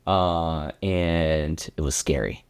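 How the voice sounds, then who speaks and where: A man from Ecuador co-hosting a housing podcast, talking in a relaxed, rambling way with many fillers. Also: rumbling low, slow pace, clear, resonant tone. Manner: relaxed, lots of fillers and restarts. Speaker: podcast co-host. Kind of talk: casual podcast chat.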